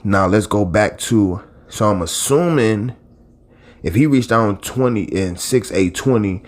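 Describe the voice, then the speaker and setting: Speaking in a lowish, unhurried voice, this late-30s channel host and YouTube blogger chats casually and at length to his audience straight to camera. He rambles conversationally, restarting often and wandering into asides.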